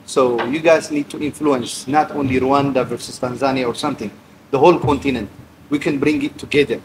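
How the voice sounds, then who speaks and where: At a press event, a middle-aged Eritrean lounge owner sits on a sofa in an indoor lounge and gives earnest, rallying, speech-like remarks full of passion. His mid-range voice moves a little fast with fairly even intonation, and the room recording is noisy.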